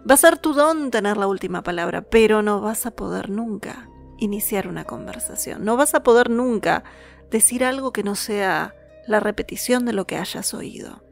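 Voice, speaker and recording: A woman's voice: medium pitch, moderate pace, creaky, soft background music, natural voice. A woman voicing a furious queen goddess. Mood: wrathful. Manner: loud, cursing pronouncement. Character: wrathful queen goddess, commanding and vengeful.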